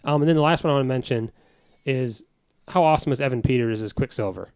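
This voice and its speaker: A man's voice: mid-range voice, fast talker, darkish tone, clear, resonant tone, no room sound. A man co-hosting a casual podcast chat in a studio, with jokey, sarcastic asides. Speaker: podcast co-host. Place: recording studio.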